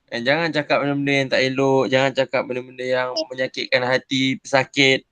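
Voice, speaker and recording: A man's voice: mid-range voice, little pitch movement, brisk, a bit bright, clean tone, no echo. A young adult man with a Malaysian Malay accent, teaching young pupils a religion lesson in an online class in a chatty, teasing way, often checking with "kan?". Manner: acts out silly examples with a chuckle.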